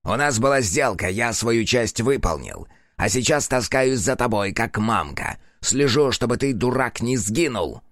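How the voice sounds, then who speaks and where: A rude, mocking tengu demon with a crow's beak speaks in a strangled, croaking voice, as a male audiobook narrator puts it on. Every word comes slow and drawn out, the pitch leaps up and down with scorn, and the recording is close and dry. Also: lively intonation, fairly bright tone, dry recording. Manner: insulting, sneering, drawn-out words. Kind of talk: audiobook character voice.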